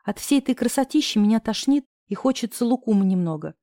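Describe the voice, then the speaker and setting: Mellow-voiced woman reading a novel. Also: a little high, quick pace, no echo, clean studio sound. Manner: expressive, voicing characters' lines. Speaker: audiobook narrator. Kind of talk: first-person scripted narration.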